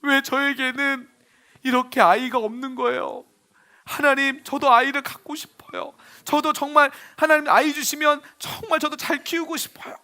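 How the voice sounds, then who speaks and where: A man's voice: very high voice, steady tone, moderate pace, sharp tone, pitched above the performer's own voice, heavily acted. A man voicing a pleading, grieving young wife. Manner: pleading, plaintive.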